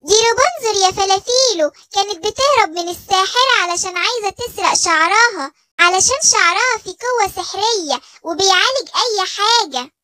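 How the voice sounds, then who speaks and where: A woman's voice: very high-pitched, animated, brisk, pushed and bright, dry recording, exaggerated voice. A woman with an Egyptian Arabic accent voicing a tame, protective forest animal in a children's cartoon story. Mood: reassuring. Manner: reassuring.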